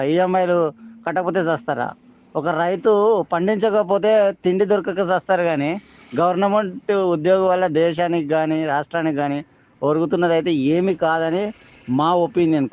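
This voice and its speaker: A man with a Telangana Telugu accent leaves an angry phone voice message, scolding and firing accusing questions. His voice sits fairly high but sounds dark and mellow. The recording is dull and lo-fi, like a phone voice note. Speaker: angry member of the public.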